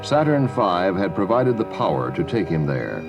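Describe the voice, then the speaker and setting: Real low-voiced guy narrating a documentary, lively intonation, music clearly behind him. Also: normal speed.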